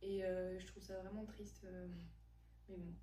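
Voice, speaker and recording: A woman's voice: mid-range voice, little pitch movement, a little slow, mellow. A woman in her twenties, a podcast guest, speaking hesitantly with many fillers in a thoughtful way. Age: 20s. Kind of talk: casual conversation. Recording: echoey room, distant mic, faint hum.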